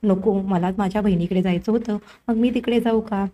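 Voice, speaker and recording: A woman's voice: mid-range voice, steady tone, normal speed, dull audio, natural voice. A woman reading an obliging household maid. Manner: obliging, practical.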